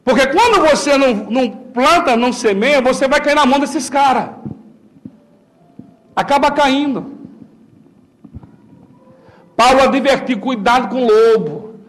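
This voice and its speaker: A Brazilian pastor with a very high voice for a man preaches a sermon in everyday, repetitive speech. His delivery swings between ringing calls to the congregation and quiet, confiding asides. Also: unhurried, long pauses. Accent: Brazilian Portuguese.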